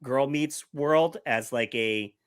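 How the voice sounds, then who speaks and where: A man's voice: mid-range voice, slow, clear, resonant tone. A man co-hosting a casual podcast, rambling and laughing as he loses his train of thought. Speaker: podcast co-host. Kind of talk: casual chat.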